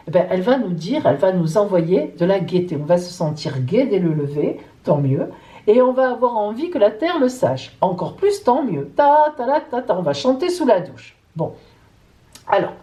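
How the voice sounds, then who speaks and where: A woman's voice: on the low side, warm tone, rough recording. A woman astrologer hosting her own vlog, talking in a chatty, playful way and dropping jokey asides. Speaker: psychic astrologer.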